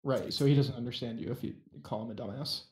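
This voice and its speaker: A man's voice: mid-range voice, fairly even intonation, fast talker. Joking man in a roomy recording. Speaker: player. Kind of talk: tabletop game role-play. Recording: roomy audio.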